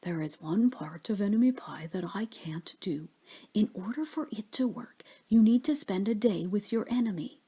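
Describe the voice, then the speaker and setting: A woman voicing a knowing, secretive dad in a children's story, in a deliberate, conspiratorial manner. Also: medium pitch, expressive, warm tone, husky. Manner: slow, deliberate, conspiratorial, sometimes whispering.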